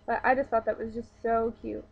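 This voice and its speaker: Young female vlogger, casual and rambling, slightly high voice, lo-fi camera mic. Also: little pitch movement, brisk, creaky, breathy edge. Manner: chatty and rambling, with many likes and ums. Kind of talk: casual show-and-tell vlog.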